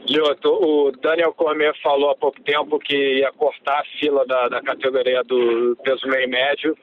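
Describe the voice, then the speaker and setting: A man's voice: mid-range voice, level tone, a little fast. A man interpreting between a reporter and a fighter on a conference call phone line, relaying answers in a matter-of-fact way. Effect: heard over a phone conference line. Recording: tinny phone line with faint hiss.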